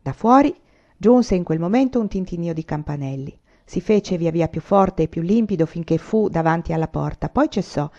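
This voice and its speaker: A woman reads a novel aloud with steady, even storytelling. Her voice is low and mellow, and the recording sounds dull and lo-fi. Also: normal speed. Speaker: audiobook reader.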